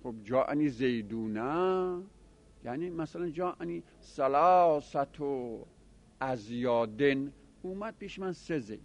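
Using lively intonation and a mid-range voice, a grammar teacher walks his class through the rules one step at a time, quizzing students with rapid questions.

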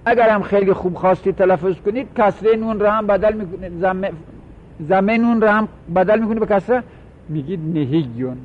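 A man teaching a grammar lesson, stretching out example words slowly and asking questions he answers himself. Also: high voice, steady tone, a little hiss or hum. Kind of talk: classroom lecture on grammar. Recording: dull lo-fi recording.

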